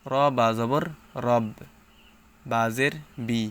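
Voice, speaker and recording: A man's voice: medium pitch, fairly even intonation, smooth. A man teaching Quran reading, patiently spelling out letters and sounding each syllable. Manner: patient, step-by-step drilling, recites louder and slower. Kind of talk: spelling out and reciting letters slowly.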